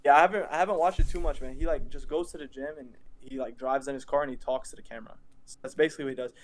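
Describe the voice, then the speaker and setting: A man's voice: mid-range voice, fairly even intonation, very fast. A young man in casual chat as a content creator, blunt and emphatic, repeating himself for stress.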